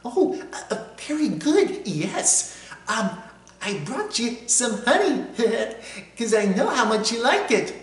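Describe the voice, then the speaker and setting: A man's voice: very high-pitched, very animated, slow, pitched above the performer's own voice, heavily acted. A man voicing a timid little male piglet who stammers and hesitates nervously. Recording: roomy echo.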